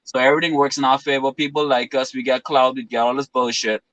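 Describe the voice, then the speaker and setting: Young man, guest, thoughtful winding talk, flat muffled sound. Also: mid-range voice, fast talker, dry recording. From Bahamas. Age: 20s. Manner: earnest, philosophical, long winding explanations. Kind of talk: reflective interview talk.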